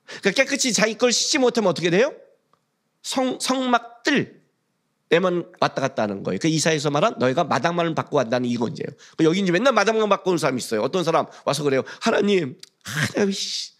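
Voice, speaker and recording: A man's voice: on the high side, fast. A man preaching a sermon, asking the congregation questions and acting out prayers, sometimes dropping to a near whisper. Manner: animated, asks the congregation questions; acts out prayers and voices of churchgoers. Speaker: pastor. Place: church sanctuary.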